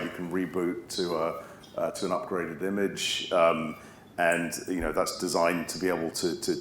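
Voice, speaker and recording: Deep-voiced male engineer, halting answers, roomy sound. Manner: halting, many restarts and fillers. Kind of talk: technical Q&A. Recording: roomy echo, faint hum.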